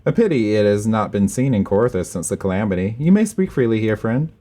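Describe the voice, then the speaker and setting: An earnest, courteous young nobleman, read aloud by a man in a formal, dramatic game-dialogue tone. The voice sits fairly low and swings widely in pitch. Each line comes out measured and proper. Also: expressive, dark tone.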